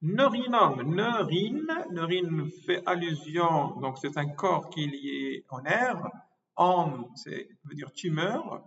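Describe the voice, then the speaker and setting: Male lecturer, higher voice, deliberate repetitive delivery; distant lo-fi recording. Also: lively intonation, fairly bright tone. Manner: slow, repeats words and spells them out syllable by syllable. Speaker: medical school professor. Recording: distant mic, dull lo-fi sound.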